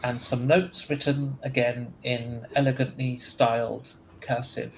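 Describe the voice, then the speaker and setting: A man acting as game master, describing scenes in a tabletop game slowly with frequent ums and uhs. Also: mid-range voice, level tone, vocal fry, slight background noise, poor audio. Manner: slow, halting with ums and uhs.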